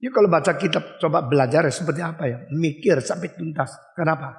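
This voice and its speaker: An older man preaching a lively sermon, asking his listeners questions and acting out the people and animals in his story. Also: fairly high pitch, quick pace, creaky. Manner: animated, acts out voices and dog barks, asks the audience questions. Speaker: pastor. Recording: long hall reverb.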